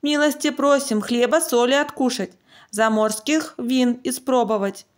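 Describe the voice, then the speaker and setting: A woman's voice: high-pitched, unhurried. A woman voicing a humble, polite young male archer in a fairy tale. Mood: welcoming. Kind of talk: storybook narration in character.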